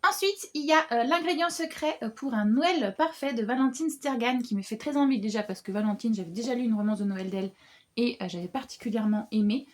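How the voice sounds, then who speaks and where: A young woman talks through her winter reading list in a loose, animated way, full of little fillers and quick restarts. Her voice sits a touch high and stays friendly and conversational throughout. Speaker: book vlogger. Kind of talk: casual book haul chat.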